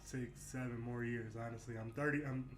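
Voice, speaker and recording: A basketball player in his late twenties talks candidly and reflectively in a casual interview, saying "you know what I mean" a lot. His mid-range voice is brisk with fairly even intonation. The room is echoey, with faint music behind him.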